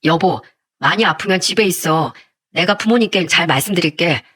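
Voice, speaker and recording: A woman's voice: lowish voice, moderate pace, a bit bright, slightly rough, pitched below the performer's own voice. A woman voicing an earnest middle-aged husband who talks to his wife in a pleading, heartfelt way, in a storybook-style telling. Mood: gentle. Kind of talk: storybook narration with acted voices.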